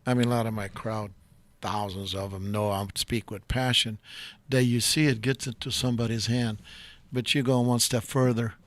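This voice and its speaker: A man's voice: mid-range voice, flat delivery, moderate pace, no echo. An older man hosting a live talk show, chatting in a rambling, enthusiastic and jokey way.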